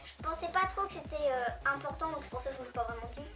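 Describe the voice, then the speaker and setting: A woman's voice: high voice, animated, racing, over music. A teenage girl chatting casually to camera as a YouTuber answering viewer questions, her voice sped up into a chipmunk sound, upbeat with lots of fillers. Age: teens. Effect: sped-up playback, chipmunk voice.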